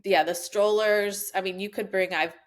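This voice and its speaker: A woman's voice: mid-range voice, fairly even intonation, moderate pace. A woman in her thirties, a podcast guest, chatting casually and giving practical travel tips with many "like" fillers.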